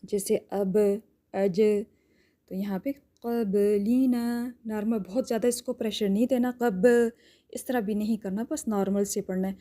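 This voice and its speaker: A woman teaching Quran recitation rules. She explains each rule patiently and step by step, often checks in with "theek hai?", and stretches out words slowly to demonstrate. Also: medium pitch, fairly even intonation, warm tone. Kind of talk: tajweed lesson with slow drawn-out demonstrations.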